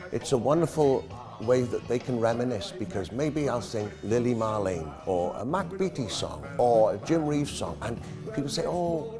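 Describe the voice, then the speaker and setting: A Welsh man in his fifties, an entertainer, answering interview questions in a jokey, self-deprecating way. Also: medium pitch. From Wales. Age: 50s.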